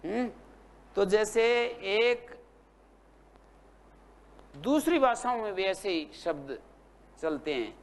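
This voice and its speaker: A man with a high-pitched, expressive voice teaches Sanskrit grammar in a classroom lecture. Patient throughout, he drills students with questions and repetition while slowly reciting each word form.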